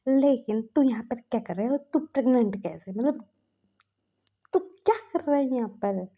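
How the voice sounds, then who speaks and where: A woman reads out a young man, an angry older brother, who scolds and demands answers. The voice is husky and deeply mellow. The recording sounds dull and lo-fi. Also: expressive, moderate pace. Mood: angry scolding.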